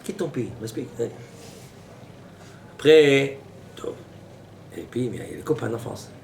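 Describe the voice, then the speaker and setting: A man preaches as a rabbi, his pitch swinging widely as he bursts into exclamations. He stands some way from the mic in an echoey hall. Steady background noise hangs around his voice. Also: moderate pace, gravelly. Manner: animated, exclamatory storytelling with sudden high outbursts. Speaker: rabbi giving a Torah class. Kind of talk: lively sermon with anecdotes. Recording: echoey room, voice from far off, noisy.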